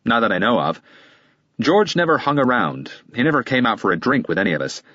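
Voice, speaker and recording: A guarded middle-aged lawyer answers in short, impatient bursts, as a man puts him on for an audiobook. The voice sits a little higher than the reader's own and stays husky. The sound is dry and slightly muffled. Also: very animated, fairly quick, bright, forceful tone, no room sound. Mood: defensive.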